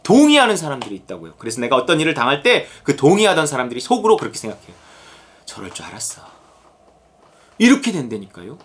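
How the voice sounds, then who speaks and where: Male Bible teacher, sermon delivery, expressive pitch, slips into character voices. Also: very fast, hardly any pauses, slightly rough. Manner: acts out characters' voices, exclaims and addresses listeners directly. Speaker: Bible study lecturer. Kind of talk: sermon-style Bible lecture.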